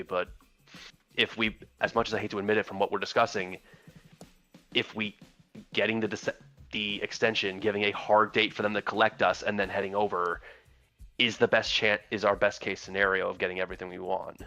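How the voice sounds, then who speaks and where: Low-voiced man playing a tabletop game, halting. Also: little pitch movement, pushed and bright. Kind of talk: in-character discussion at a tabletop game. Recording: dull sound with music behind.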